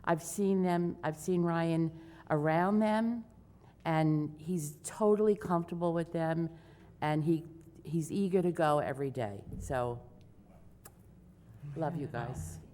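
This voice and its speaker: A woman's voice: low voice, takes it slowly, mellow. A woman giving public comment as a resident, grateful and emotional, stumbling and restarting as she talks. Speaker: resident speaking at a hearing. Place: village hall meeting room. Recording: reverberant hall with faint noise.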